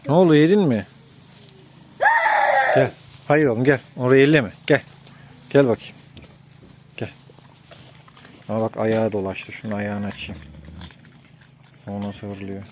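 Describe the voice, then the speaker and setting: A man's voice: on the low side, steady tone, measured pace, pauses often. A man vlogging while feeding dogs outdoors, giving firm commands to the dogs and casual asides to his viewers. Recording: noisy outdoor recording.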